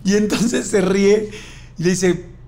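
High-voiced Mexican man telling a story. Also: slow pace. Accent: Mexican Spanish. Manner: animated anecdote-telling, acting out dialogue. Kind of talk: casual chat.

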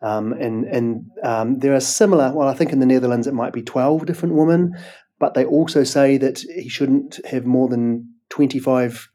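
A man's voice: medium pitch, mellow. A man, a fertility specialist, explaining answers in an interview with hesitant fillers.

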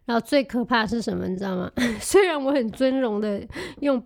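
A woman telling a funny story in casual chat, animated and laughing often, mixing in English words. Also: fairly high pitch, brisk, creaky.

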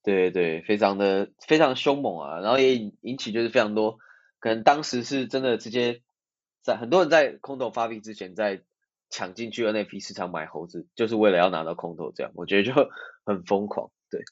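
Low-voiced Taiwanese man, slightly dull sound. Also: fairly quick, no room sound. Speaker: podcast co-host. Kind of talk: casual chat.

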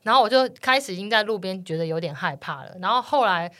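A woman with a Taiwanese Mandarin accent telling a ghost story in casual podcast chat, animated and swearing at the scary parts. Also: medium pitch, quick pace.

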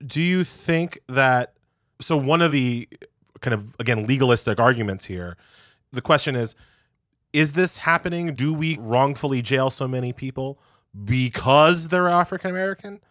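A man's voice: medium pitch, expressive, normal speed, a bit bright, dry recording, studio quality. A male interview host asking careful questions, rephrasing as he goes.

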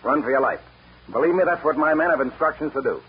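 A man's voice: a little high, expressive, quick pace, a little hiss or hum, lightly acted. An actor playing a shifty, folksy ranch foreman with a drawling, evasive manner, in 1940s radio acting. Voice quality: raspy. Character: shifty, folksy man running a cattle ranch. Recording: dull old radio broadcast.

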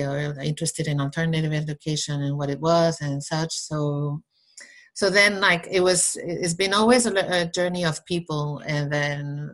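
A woman from the Basque Country with a Basque Spanish accent, talking casually and haltingly as an interview guest. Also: sits low, a bit bright, low-quality recording. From Basque Country, Spain. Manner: halting, rambling, tags phrases with "no?". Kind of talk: casual conversational interview answers.

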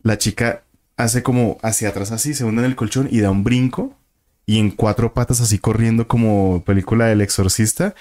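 A man's voice: on the low side, fairly even intonation, normal speed, a little mellow. A man, a guest telling a vivid story and acting out the voices and sounds in it. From Colombia. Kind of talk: casual storytelling of a paranormal experience.

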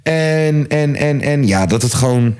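A man hosting a casual podcast chat, animated and loose, swearing and mixing in English slang. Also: on the high side, a little slow, smooth.

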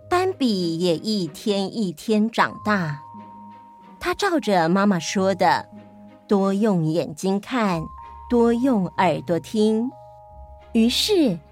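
A woman stand-in host telling a children's story in a gentle, even way. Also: medium pitch.

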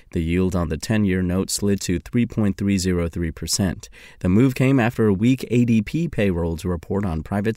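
A man reading scripted financial news in a formal, measured manner. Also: on the low side, a little mellow, dry recording, studio quality. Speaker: news reader.

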